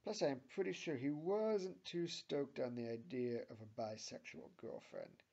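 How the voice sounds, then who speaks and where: A man's voice: medium pitch, big pitch swings, measured pace, vocal fry, mellow, full character voice. A cocky, sarcastic teenage girl, read by a man with little change from his own voice. The sound is dull and lo-fi.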